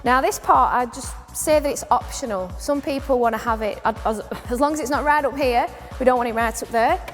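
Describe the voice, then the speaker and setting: High voiced spin class lady explaining stuff step by step, echoey room, music on. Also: brisk. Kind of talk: instructional bike demonstration. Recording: echoey hall with music behind.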